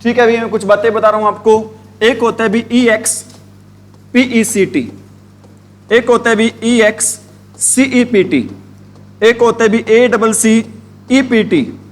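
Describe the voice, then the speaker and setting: A man's voice: very high-pitched, fairly even intonation. A man teaching English grammar, asking the same questions again and again and drawing out the words he spells. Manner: repetitive call-and-response questioning, drawn-out spelled words. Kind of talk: classroom grammar lesson in Hindi.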